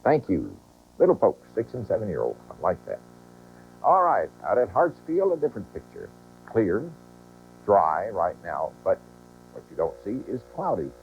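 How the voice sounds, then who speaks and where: Deep husky weatherman, tinny sound. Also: moderate pace, faint music behind. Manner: chatty, relaxed asides. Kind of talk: folksy weather forecast. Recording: tinny, lo-fi broadcast tape.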